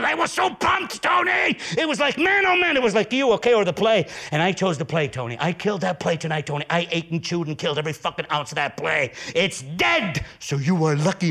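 A man's voice: sits high, pushed and bright, voice pushed up, heavily acted. A man voicing a cocky, swaggering male stage actor who swears constantly and brags in rambling bursts.

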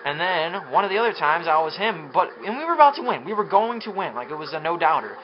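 A man giving gameplay commentary, frustrated, swearing and yelling at the game as he plays. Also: a little high, fast talker. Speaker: let's play commentator. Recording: muffled lo-fi recording with steady noise.

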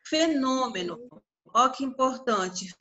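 Brazilian woman teacher, slow and bright, stretches out example words, keeps checking in with the class. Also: sits high, lively intonation, muffled recording. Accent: Brazilian Portuguese. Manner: drawn-out syllables, frequent check-ins with the class. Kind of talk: online grammar lesson.

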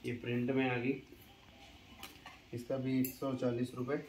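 A man's voice: medium pitch, normal speed. Man reeling off shirt prices. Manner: steady, listing items and prices. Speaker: clothing factory owner. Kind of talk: product walkthrough with prices. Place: clothing showroom indoors. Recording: roomy echo, light background noise.

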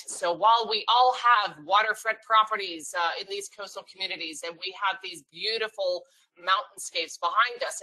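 A woman's voice: mid-range voice, bright, forceful tone, rough recording. A woman from Norway giving a friendly, explanatory webinar presentation to travel agents, with a light sense of humor. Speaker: sales presenter for a cruise line.

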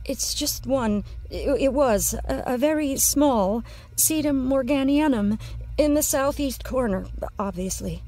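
A woman's voice: on the high side, steady tone, unhurried, vocal fry, warm tone, soft background music, voice pushed up. Woman voicing a timid stammering demon underling. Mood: nervous. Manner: hesitant and stammering. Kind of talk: scripted audio drama narration.

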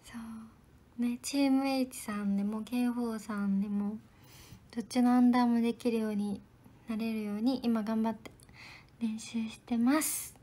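A young woman, an idol trainee, chatting politely on a livestream and answering viewer comments, often dropping into soft whispered asides. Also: on the high side, fairly even intonation, normal speed.

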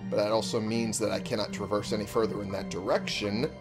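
A man giving casual, informal gameplay commentary as a host, thinking out loud, reading on-screen text and swearing freely. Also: fairly low pitch, fast, loud music behind the voice. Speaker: video game let's-play host.

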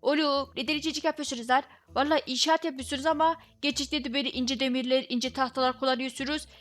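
A woman's voice: high voice, fairly even intonation, fast, fairly bright tone. A woman giving casual, joking gameplay commentary, grumbling playfully as she talks to her viewers. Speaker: gaming video creator.

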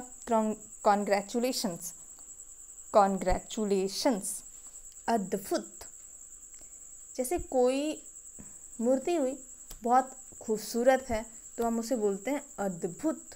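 A woman with an Indian accent teaching English vocabulary, explaining each phrase slowly and repeating it with pauses. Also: on the high side, a little mellow. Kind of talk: spoken English vocabulary lesson.

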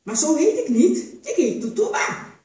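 A woman's voice: high-pitched, sing-song, normal speed, a little mellow, pitched above the performer's own voice. A defiant young girl, as a woman reads her aloud. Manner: proud, rebellious outbursts. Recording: echoey theater hall from far off.

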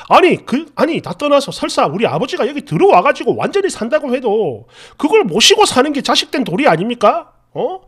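High-pitched, lively man reading a story. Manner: animated, incredulous asides. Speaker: narrator reading viewer stories. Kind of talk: reading an online post aloud with commentary.

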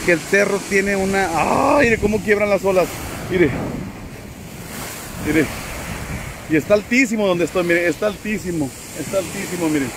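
A man's voice: high-pitched, moderate pace, pauses often, noisy background. Joking man streaming outdoors by the sea. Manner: joking, chatty, greets viewers by name. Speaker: vlogger. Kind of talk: casual live stream from the seafront. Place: outdoors on a high spot by the sea.

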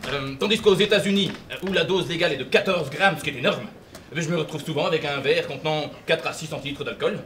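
A man's voice: a little high, fast, a bit bright, slight background noise, natural voice. A man playing a pompous, pedantic whisky traveller. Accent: French. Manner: pedantic, fussy, long-winded. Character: pompous middle-aged male whisky-loving traveller. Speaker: amateur stage actor. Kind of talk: amateur stage play. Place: theatre stage.

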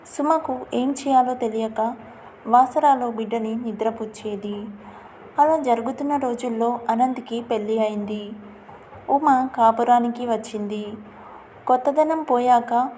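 A woman storyteller reads a family tale in a steady, even manner. Her voice is fairly high yet dark and mellow, and a faint hiss of noise sits under the recording. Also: a little slow. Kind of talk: scripted story narration.

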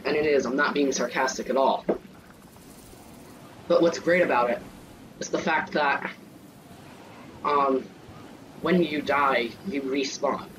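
A man's voice: mid-range voice, slow, pauses often, noisy background. Rambling young man narrating his gameplay. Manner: rambling, many fillers. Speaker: gaming channel host. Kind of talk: casual gameplay commentary. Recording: distant mic with faint game music.

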